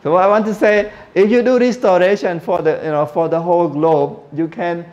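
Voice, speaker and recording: A man's voice: high voice, fairly even intonation, fairly quick, darkish tone, highs cut off. A middle-aged man from Cambodia giving an informal classroom lecture into a handheld mic, often restarting and correcting himself and putting questions to the audience. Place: lecture room with projector screen.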